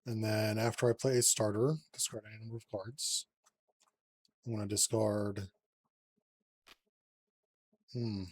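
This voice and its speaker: A man's voice: on the low side, level tone, unhurried, long pauses, husky. A man casually talking himself through a solo card game, counting cards under his breath and swearing freely. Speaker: solo card game player and channel host. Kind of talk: casual tabletop card game playthrough commentary.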